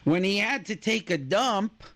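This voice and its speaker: A man co-hosting a comedic trivia podcast, telling odd facts with a jokey, drawn-out delivery. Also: high-pitched, lively intonation, a bit bright. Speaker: podcast co-host.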